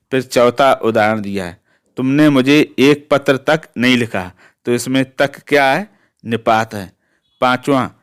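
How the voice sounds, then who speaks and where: A male teacher works through a grammar lesson at a deliberately slow pace. He asks rhetorical questions and answers them himself, repeating each point so it sticks. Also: mid-range voice.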